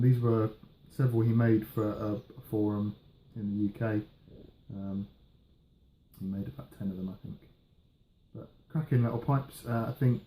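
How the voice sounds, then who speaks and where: A man chatting casually through a tobacco review, musing and hesitant, pausing and trailing off between puffs on his pipe. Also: mid-range voice, mellow, slight background noise. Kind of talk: casual video review chat. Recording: roomy, echoey sound.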